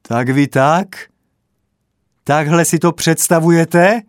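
A man's voice: medium pitch, a little mellow, no echo, studio quality, natural voice. A man voicing a proud, hot-tempered male football fan with a red nose, ranting shrilly in a read-aloud comic story. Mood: furious.

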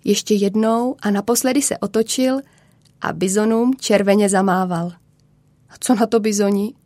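A woman narrating a children's story in a calm, measured way. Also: mid-range voice, no room sound.

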